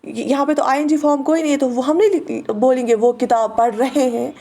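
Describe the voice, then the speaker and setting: A woman teacher with a Kashmiri accent giving an exam-prep lesson in translation and grammar. She reads example sentences slowly, repeats them for drilling and often checks whether the students follow. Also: sits high, fairly even intonation, dark tone. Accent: Kashmiri-accented Hindi-Urdu. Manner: checks understanding with short questions.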